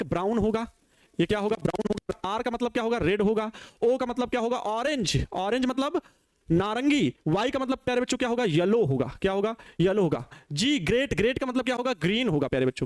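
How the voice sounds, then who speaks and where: A man's voice: high voice, dry recording, clean studio sound. A man teaching physics in a jokey classroom lecture, teasing his students and repeating each question and answer back to them. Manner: playful, teasing, laughs at his own jokes. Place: small teaching studio with a digital board.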